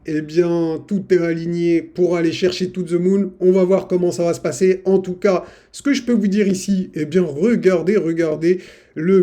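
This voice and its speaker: A man's voice: sits high, dark tone. A man, a crypto YouTuber giving a casual, hype-driven chart analysis and talking chummily to his viewers.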